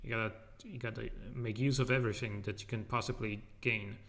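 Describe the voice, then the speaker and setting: A man's voice: lowish voice, fairly even intonation, fairly quick, fairly bright tone. A man streaming a game in loose, rambling casual commentary, his voice echoing in a large, empty living room. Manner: rambling, loose and joking, with many fillers. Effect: echo from a large empty room.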